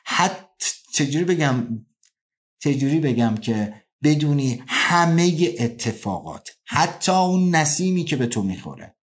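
Man, self-help speaker, fairly high-pitched, earnest, slows for emphasis, acts out quick everyday scenes. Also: sing-song. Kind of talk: motivational talk.

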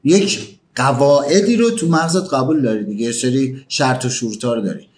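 A man giving a motivational talk, pressing the listener with emphatic questions. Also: medium pitch. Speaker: motivational speaker.

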